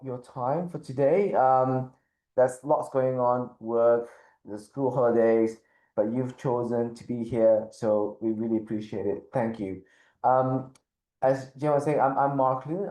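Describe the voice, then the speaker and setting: A middle-aged man from Malaysia, a business school dean, giving a measured webinar talk and often repeating words as he thinks. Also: medium pitch, dark tone, echoey room, poor audio. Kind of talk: webinar presentation.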